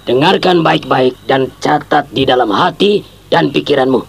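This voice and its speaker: An actor playing a stern, menacing village father who threatens a young man in a radio drama, with a gravelly voice. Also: medium pitch, normal speed, a little hiss or hum, natural voice. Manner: threatening, commanding. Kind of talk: Indonesian radio drama acting.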